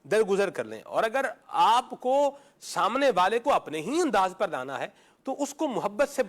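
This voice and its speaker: A man's voice: high voice, big pitch swings. A man on a talk show giving moral advice in style speech, explaining through everyday examples and answering his own questions. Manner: explains with homely examples, asks and answers himself. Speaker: religious talk show panelist.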